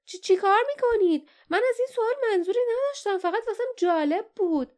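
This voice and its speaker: A woman's voice: extremely high pitch, expressive, a little mellow, pitched above the performer's own voice. A woman voicing a panicked teenage boy hero in an audiobook, stammering as he protests.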